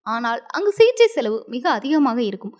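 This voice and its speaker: A woman voicing a gentle doctor who speaks in a calm, soothing way in a storybook reading. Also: a little high, normal speed.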